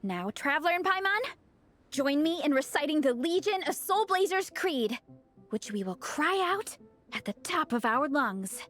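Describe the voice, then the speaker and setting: A woman's voice: high voice, big pitch swings, measured pace, a bit bright, soft background music, full character voice. A woman voicing an eager young woman who leads a fan club, earnest and enthusiastic. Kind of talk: game dialogue.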